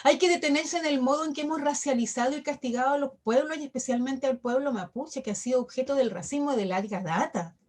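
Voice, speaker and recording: A woman professor giving a lecture in an online talk, measured and emphatic, building her points through lists and rhetorical questions. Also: high-pitched, darkish tone. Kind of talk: academic lecture, reflective.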